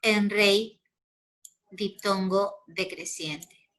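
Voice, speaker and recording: A woman's voice: mid-range voice, steady tone, extremely slow, a bit bright. A woman with a Peruvian accent teaching a grammar lesson, explaining patiently step by step and checking in with her students. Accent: Peruvian Spanish. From Peru.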